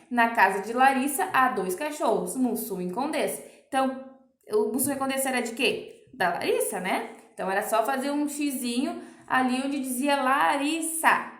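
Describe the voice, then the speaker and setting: A woman's voice: high-pitched, fairly bright tone, echoey room. A young woman teacher with a Brazilian Portuguese accent, patiently explaining a lesson to children, checking often that they follow. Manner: patient, explains slowly with many "ó" and "tá?". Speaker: primary school teacher. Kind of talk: recorded remote class lesson.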